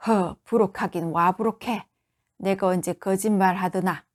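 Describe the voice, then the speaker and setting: A woman voicing a loud, drunk one-armed middle-aged father who scolds in a Gyeongsang accent. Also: medium pitch, steady tone, normal speed, lightly acted. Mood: drunken scolding. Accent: Gyeongsang dialect. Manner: shouting, slurred scolding.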